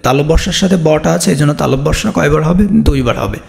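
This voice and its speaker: A man's voice: fairly high pitch, fast talker, vocal fry. A man teaching an exam-prep grammar lesson, explaining step by step and answering his own questions.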